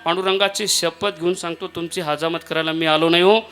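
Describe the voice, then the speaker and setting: A man's voice: fairly high pitch, steady tone, fairly quick, fairly bright tone, lightly acted. A man voicing a humble, devout barber in a sermon story, pleading earnestly and emotionally. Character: humble devoted male barber, pleading servant.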